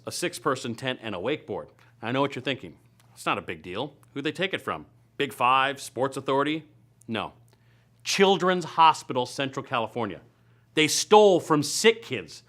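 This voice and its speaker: This man, hosting a web show, presents upbeat, scripted comedic news and events with a playful, punchy delivery, stretching words for emphasis. His voice sits in the mid range and sounds a bit bright.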